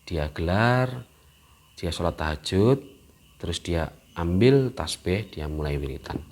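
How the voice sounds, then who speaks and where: A man telling a mystery story, acting out the characters' lines with sudden loud bursts. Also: low voice, a little slow, a little hiss or hum. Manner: animated, acts out quotes with sudden loud bursts. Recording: music in the background.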